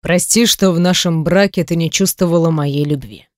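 A woman reading an audiobook voices a stern, proud middle-aged man, gruff and curt. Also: fairly low pitch, normal speed, no room sound, clean studio sound, natural voice. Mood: remorseful.

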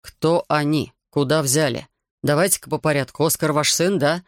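A man voicing a stern, influential host who questions his visitor in a measured, probing way. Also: fairly high pitch, fairly even intonation, no room sound, clean studio sound, lightly acted.

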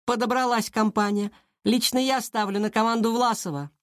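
Taunting girl from school, reader voicing her, higher voice, audiobook. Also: fairly even intonation, normal speed, no echo, studio quality, natural voice.

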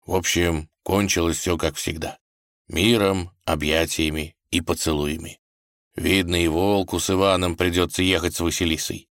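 A man's voice: low voice, steady tone, moderate pace, a bit bright, no echo, studio quality. A man narrating a fairy tale in a playful storytelling manner.

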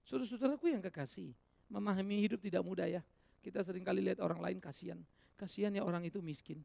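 Here the pastor's gravelly, high-sitting voice moves at a quick pace as he shifts from loud urging to soft asides, repeatedly posing rhetorical questions to his congregation. There's no echo.

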